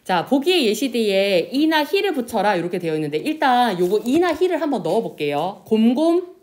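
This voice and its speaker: A woman teacher giving a classroom lesson, asking questions and answering them herself, and drawing out example words slowly. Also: on the high side. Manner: lively, pronounces example words slowly and drawn out. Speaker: Korean language teacher. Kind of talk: classroom lecture.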